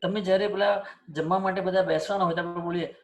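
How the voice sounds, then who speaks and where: A man's voice: sits high, fairly even intonation, quick pace. A man teaching a spelling lesson, asking students questions and repeating example words to drill pronunciation. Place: teaching setup with screen and cursor.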